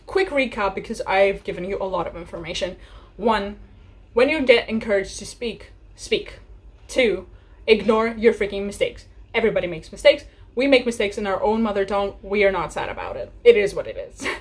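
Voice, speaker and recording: A young woman in her twenties giving casual language-learning advice in a chatty, animated vlog, often laughing. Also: mid-range voice. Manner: chatty and animated, laughs often, acts out little sample dialogues.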